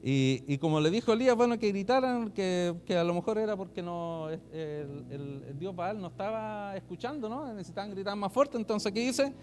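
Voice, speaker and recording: A man's voice: high voice, brisk, few pauses. A man preaching an online sermon, reading scripture aloud and explaining it in chatty asides. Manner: animated, loudly quoting then chatty asides. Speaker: pastor. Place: church online service.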